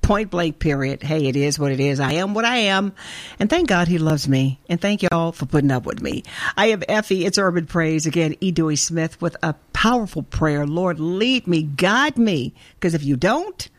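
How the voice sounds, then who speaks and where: A woman's voice: low-pitched, lively intonation, normal speed. A woman with an Arkansas Southern accent hosting gospel radio in casual, folksy, exclamatory chat, speaking straight to her listeners.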